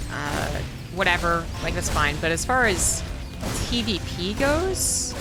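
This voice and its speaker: A woman with a fairly low voice casts a competitive game, musing over balance in a relaxed, unscripted way. Music plays clearly behind her. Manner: thoughtful, talks through opinions with fillers. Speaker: esports caster. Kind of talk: casual game commentary and analysis.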